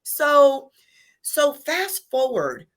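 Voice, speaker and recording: A woman's voice: high-pitched, wildly swooping pitch, extremely slow, fairly bright tone. An American woman hosting a casual interview, interjecting often with playful phrasing. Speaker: interviewer, host.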